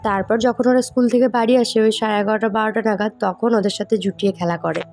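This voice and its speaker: A young woman narrates her daily vlog in a chatty, easygoing voice-over. She speaks straight to her viewers as a young mother. Her voice is mellow and warm, at a middling pitch. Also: rapid-fire, creaky, a little hiss or hum.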